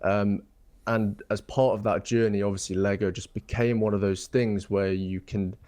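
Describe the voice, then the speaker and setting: Speaking at normal speed with a flat, mellow delivery, this young English guest architect chats loosely on an interview show. His fairly low voice wanders thoughtfully, with many ums and restarts as he doubles back.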